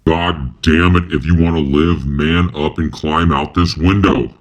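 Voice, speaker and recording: A terrifying fire-filled monster snarls harsh orders. The growl sits extremely low and drags slowly, sounding inhuman. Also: male voice, steady tone. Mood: snarling commands. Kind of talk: audiobook narration.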